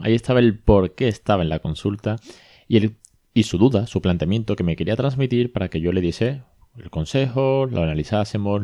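A man with a deep, mellow voice hosts a casual podcast, where he, a bilingual parenting consultant, retells a consultation in a conversational way. He recounts the dialogue with frequent asides and self-corrections. The recording is dry and close, with no room sound.

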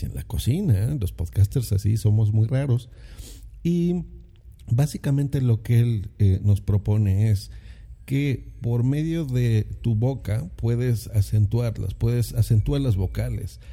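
A man hosting his own podcast in a relaxed, rambling way, full of fillers and "¿no?" tag questions, on a condenser mic. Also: fairly low pitch, gravelly, breathy edge. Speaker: podcast host. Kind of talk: casual solo podcast talk. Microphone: condenser microphone.

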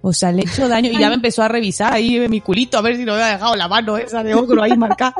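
A middle-aged woman talks on a casual podcast. She tells stories with lively, animated energy and laughs often. Faint music plays underneath. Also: fairly high pitch, very fast. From Mexico. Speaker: podcast co-host.

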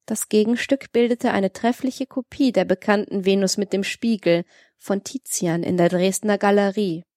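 A woman narrating a literary audiobook in a measured, even reading. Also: mid-range voice, no echo, clean studio sound.

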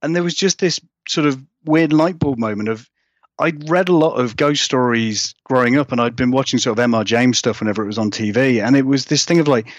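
Here the horror writer sits at a medium pitch and speaks briskly, still wandering through a casual interview chat with plenty of self-deprecation. The sound is lo-fi with no echo.

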